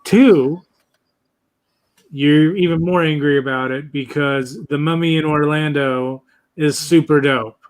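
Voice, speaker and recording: This podcast host, a man in his thirties, is running a live panel and keeps the chat casual. His voice sits on the high side and moves slowly, yet he talks eagerly and often cuts in on the others.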